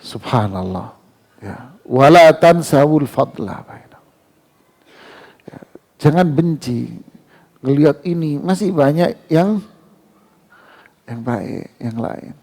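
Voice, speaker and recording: Gravelly, slow-speaking male preacher. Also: fairly high pitch. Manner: animated, rising loud on key words, slowing to recite verses. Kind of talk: mosque sermon. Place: mosque.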